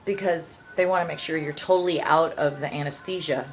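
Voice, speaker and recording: Reassuring mother with a lowish voice. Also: fairly even intonation, brisk, soft background music, rough recording. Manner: gentle, reassuring, uses endearments. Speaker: mother looking after her son. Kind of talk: casual chat. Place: small dental clinic room.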